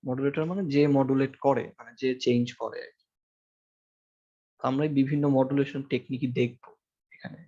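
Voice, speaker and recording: A university lecturer addresses his class through an amplified microphone, walking through the material step by step, putting questions to students, and using lots of fillers. His mid-range voice is flat and dark, at a normal speed with long pauses, and the sound is lo-fi.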